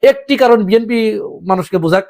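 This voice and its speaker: A man's voice: extremely high pitch, expressive, fast talker, darkish tone. A man delivering an emphatic opinion monologue on current events, asking the audience rhetorical questions. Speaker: political commentator.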